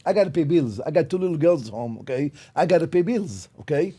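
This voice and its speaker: A man's voice: fairly high pitch, lively intonation, fast, mellow, husky. A man in his fifties, originally from Israel, telling his real estate story bluntly in a podcast interview and often checking in with "okay?". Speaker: guest, commercial real estate broker. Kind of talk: casual interview. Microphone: podcast studio mic.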